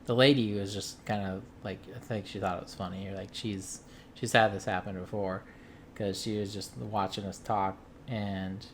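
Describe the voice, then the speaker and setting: A man's voice: lowish voice, fairly even intonation, moderate pace, slight background noise. A man from the US Midwest, a game-collecting vlogger, telling a story in casual chat, rambling with lots of ums and restarts. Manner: amused storytelling.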